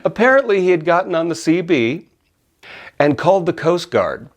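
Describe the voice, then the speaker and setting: A middle-aged man casually telling a personal story, animated and often laughing as he acts out his own yells. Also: on the high side, normal speed.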